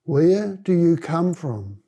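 A man's voice: fairly high pitch, sing-song, takes it slowly, gravelly, mellow, full character voice. A man voicing a stern, questioning male Roman governor in a scripture reading.

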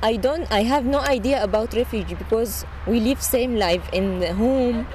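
A young Syrian woman, a native Arabic speaker, talking in halting, broken English with a Syrian Arabic accent, interviewed outdoors in a refugee camp. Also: fairly high pitch, darkish tone. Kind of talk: casual interview. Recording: noisy outdoor field recording.

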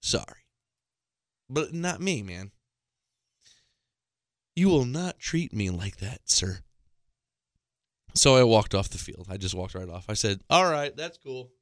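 A man's voice: on the low side, lively intonation, takes it slowly, pauses often, dry recording, clean studio sound. A man in his thirties telling a rambling, exasperated comic story into a microphone, with self-mocking asides. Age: 30s. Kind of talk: comedic monologue. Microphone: studio microphone.

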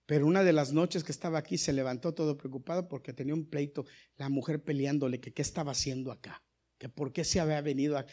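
A male pastor preaching a sermon in a church, swinging between loud exhortation and hushed asides, and questioning the congregation directly. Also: fairly high pitch, husky.

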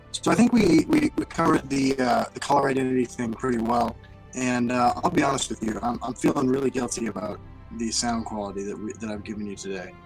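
Male podcast co-host, casual and self-deprecating, with a gravelly, fry-edged voice. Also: medium pitch, soft background music, low-quality recording. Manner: self-deprecating, laughs often, halting restarts.

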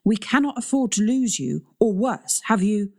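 A woman's voice: medium pitch, expressive, moderate pace, a little mellow, voice pushed up. A woman reading a storybook, voicing a cautious, worried uncle who speaks earnestly and insistently.

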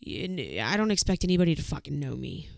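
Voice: medium pitch, very animated, quick pace, gravelly, dry recording, clean studio sound. A podcast co-host telling a story in casual chat, blunt and swearing freely.

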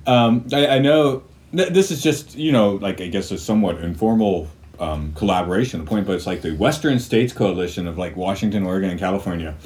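A man's voice: deep voice, a little fast, a little mellow. A man co-hosting a podcast in casual chat, rambling with hesitations and frequent laughter. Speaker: podcast co-host.

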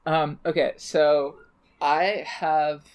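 A man's voice: fairly high pitch, level tone, very slow. A man co-hosting a podcast in casual chat, talking in an enthusiastic, playful and rambling way, full of fillers. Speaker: podcast co-host.

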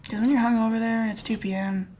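A woman's voice: on the high side, fairly even intonation, fast talker. A woman in her twenties from a rock band, chatting casually and bluntly, swearing now and then. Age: 20s. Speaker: band member. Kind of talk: casual interview chat. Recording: crowd noise behind.

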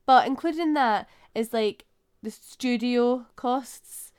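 A woman's voice: fairly high pitch, takes it slowly, darkish tone, clear, resonant tone. A Scottish woman co-hosting a podcast in casual, informal chat. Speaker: podcast co-host.

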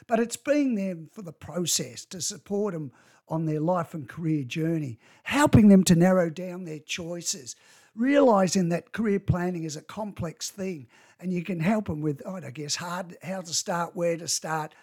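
A man's voice: high-pitched, a little slow, a little mellow. A man giving an informal talk to parents, chatty and self-correcting, with frequent asides. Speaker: parent educator giving career advice.

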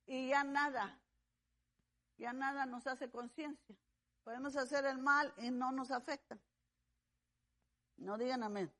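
A preacher giving a fervent sermon, swinging between shouted praise and hushed asides, with frequent hallelujahs and amens. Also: high voice.

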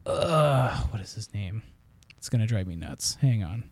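A man's voice: fairly low pitch, normal speed, mellow, husky. A man co-hosting a podcast, chatting casually and joking, swearing now and then. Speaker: podcast co-host. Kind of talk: casual chat.

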